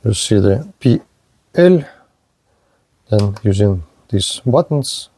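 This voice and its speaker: In a practical, hands-on product review, a man speaks very slowly in short, halting phrases. His voice is soft-edged and mellow with a breathy edge and lively intonation, though his delivery stays low-key and matter-of-fact.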